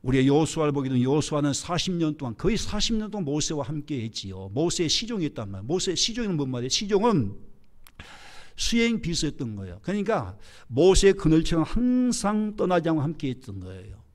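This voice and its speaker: Male pastor, church sermon, emphatic, rising and falling delivery, slightly high. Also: sing-song, quick pace, darkish tone. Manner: emphatic, rhetorical questions to the congregation. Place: church sanctuary.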